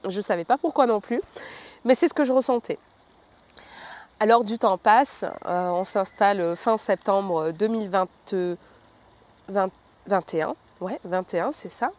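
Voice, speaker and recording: Woman from France, 30s, relaxed chatty vlogger telling a personal story, often hesitant, speaks softly at times. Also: a little slow, pauses often. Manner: chatty, many fillers, lowers her voice at times. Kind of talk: casual storytelling to camera.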